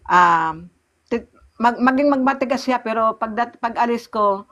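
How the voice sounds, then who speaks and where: A woman telling her personal faith testimony in conversation, earnest and halting, acting out remembered dialogue. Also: on the high side, animated, a bit bright. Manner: earnest storytelling, often pauses and restarts; replays remembered dialogue in a raised voice. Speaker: church member giving testimony.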